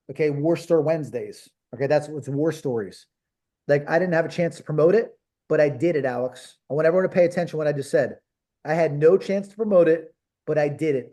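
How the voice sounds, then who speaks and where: A man's voice: a little high, mellow. A man from Philadelphia, coaching on a call in a blunt, emphatic way that repeats points for stress. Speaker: business coach.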